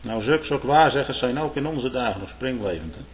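A man preaching a sermon in old biblical phrasing, swinging from hushed asides to loud proclamations with frequent "hè". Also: mid-range voice, animated, a little fast.

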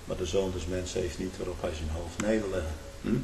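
A man preaching a fiery sermon, swinging from loud outbursts to hushed low tones and often adding a questioning "hm?". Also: fairly even intonation, a little fast, vocal fry, a little hiss or hum. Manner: fervent, often adds a questioning "hm?". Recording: echoey hall with long reverb.

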